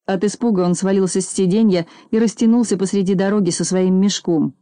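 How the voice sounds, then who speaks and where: A woman's voice: medium pitch, a little fast, no room sound, clean studio sound. Woman reading a storybook aloud. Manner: lively, expressive reading. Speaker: narrator.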